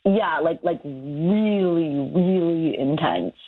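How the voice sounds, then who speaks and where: A woman's voice: deep voice, slow. A woman on speakerphone, called into a radio show, talking in a hesitant, rambling way with many fillers. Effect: heard over speakerphone on a phone line. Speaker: radio show call guest. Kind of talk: casual phone chat. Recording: tinny phone line.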